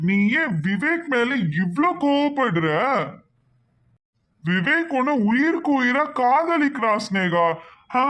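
A man's voice: extremely high pitch, fairly bright tone. A man voicing a rich, lonely cartoon man who talks in a chatty, coaxing way and slips English phrases into his speech. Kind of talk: animated cartoon dubbing.

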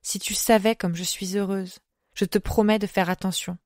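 A woman's voice: mid-range voice, fairly even intonation, moderate pace, darkish tone, no echo, clean studio sound, close to an everyday voice. A woman voicing a shy young woman in love, murmuring and hesitant. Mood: gentle.

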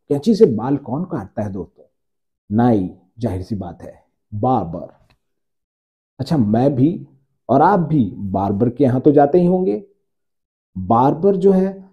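A man teaching English grammar to his viewers, slowing down to repeat each example sentence. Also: medium pitch, highs cut off. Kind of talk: Hindi-language grammar lesson.

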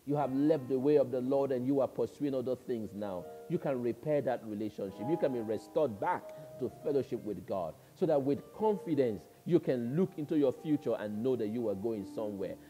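A male pastor with a Nigerian English accent preaching a sermon, repeating key phrases with emphasis and swinging between loud peaks and soft appeals. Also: medium pitch, fairly quick, hardly any pauses. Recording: long church reverb with music behind.

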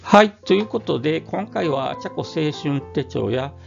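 A man with an Osaka accent talks through a history topic in a slow, formal manner and keeps pausing on "um". His voice is deeply gravelly and full of fry. The recording sounds muffled and lo-fi. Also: animated, soft background music. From Osaka, Japan. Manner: measured, formal, many "um" fillers. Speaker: YouTube history presenter. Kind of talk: explanatory monologue.

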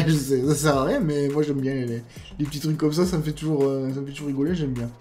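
A man's voice: a little high, steady tone, fast, mellow, soft background music. A man with an accent, casually commenting over gameplay as he reviews game mods, with lots of fillers and friendly asides to his viewers. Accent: non-standard French accent. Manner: chatty, many fillers, addresses viewers as guys. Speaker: gaming YouTuber reviewing mods.

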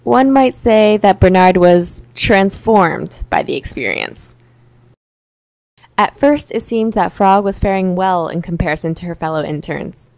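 A young woman narrating a mock-epic tale in a wry, deadpan storytelling manner. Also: mid-range voice, unhurried, creaky, no room sound, rough recording. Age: young adult.

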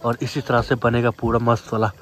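A man's voice: mid-range voice, level tone, fairly quick, slight background noise. A young man chatting casually on his vlog, joking and laughing with the people around him outdoors at night. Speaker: vlogger.

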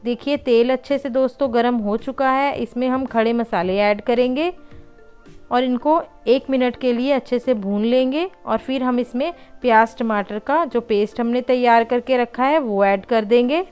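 A woman's voice: fairly high pitch, normal speed, a little mellow, smooth, soft background music. A woman hosting a home cooking channel, patiently explaining each step of a recipe in a voice-over and often calling her viewers friends.

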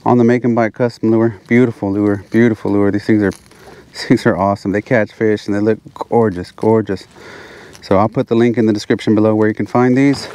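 A man narrating his fishing trip from a kayak outdoors, excited and repeating himself, a bit out of breath from the heat. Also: lowish voice, brisk. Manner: excited, repeats phrases, drops to hushed whispers when sight casting. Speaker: fishing channel host. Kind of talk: casual outdoor narration to camera. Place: kayak on open water outdoors.

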